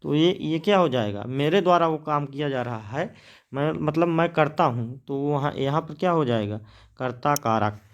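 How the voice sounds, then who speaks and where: A man's voice: fairly high pitch, lively intonation, normal speed, muffled recording. A man teaching a grammar lesson, writing examples on a board, repeating words as he writes and answering his own questions.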